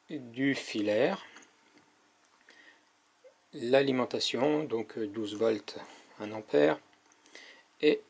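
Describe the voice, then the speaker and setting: A tech reviewer talks viewers through a product in a casual, practical demonstration. His voice sits at an ordinary middle pitch. He explains plainly and hesitates often between points. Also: breathy edge.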